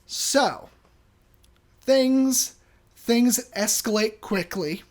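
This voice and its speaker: A podcast host casually telling a work story, animated and chatty, acting out the people in it. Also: mid-range voice, drawn-out words. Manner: chatty, many fillers and restarts.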